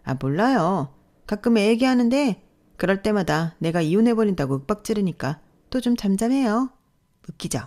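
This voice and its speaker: A woman voicing a vain, sharp-tongued young married woman who talks in a snippy, scornful way, in a storytelling role-play. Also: mid-range voice, sing-song, normal speed, voice pushed up, lightly acted.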